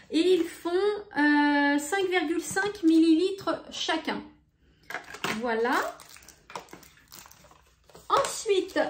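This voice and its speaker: A woman showing beauty products in a casual vlog, talking in an unhurried, hesitant way with many fillers. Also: high voice, echoey room, a little hiss or hum. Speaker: beauty vlogger. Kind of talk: casual haul video.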